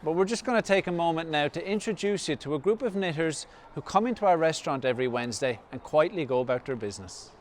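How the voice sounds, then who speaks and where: A man's voice: a little high, lively intonation, fast talker, hardly any pauses, slight background noise. A man with an Irish accent, narrating a vlog as its host.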